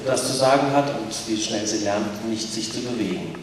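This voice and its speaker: A man interpreting live for an audience in a large indoor arena, talking quickly with frequent hesitations. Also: lowish voice. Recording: echoey arena, distant mic, noise.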